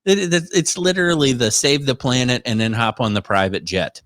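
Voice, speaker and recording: A man's voice: mid-range voice, fairly quick, fairly bright tone, no echo, studio quality. A man hosting a podcast in a rambling, self-deprecating, casual live-stream style. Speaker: podcast host.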